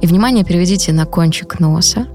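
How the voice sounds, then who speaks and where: Low-voiced woman slowly counting breaths. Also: dark tone. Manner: slow breath counting, guiding relaxation. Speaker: yoga teacher and guest. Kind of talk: guided breathing meditation. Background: music.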